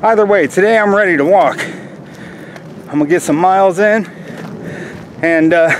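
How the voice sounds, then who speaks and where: A middle-aged American man chatting casually to viewers in an unhurried way while walking outdoors, recorded on a built-in microphone with wind noise. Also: high-pitched. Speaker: hiking vlogger. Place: outdoors in a windy wooded park. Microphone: camera's built-in microphone while walking. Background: wind, faint outdoor noise.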